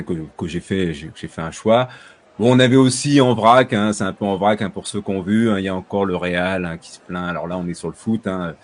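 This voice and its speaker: A man hosting a casual sports news podcast, chatty and full of hesitations, restarts and jokey asides to his listeners. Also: fairly low pitch. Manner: hesitant, heavy fillers and restarts. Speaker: podcast host.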